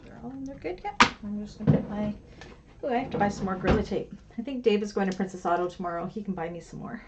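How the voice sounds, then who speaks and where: A woman's voice: medium pitch, fast. A woman teaching a live bag-making class, chatty and self-deprecating, talking to herself as she works. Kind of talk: live class instruction while sewing. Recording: slightly dull lo-fi with faint noise.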